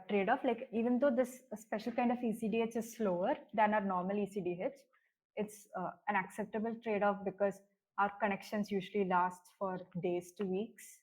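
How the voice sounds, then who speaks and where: A woman's voice: medium pitch, darkish tone, poor audio. Woman presenter on a video call, explanatory, loose with fillers. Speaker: presenter explaining test code. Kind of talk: technical discussion on a call.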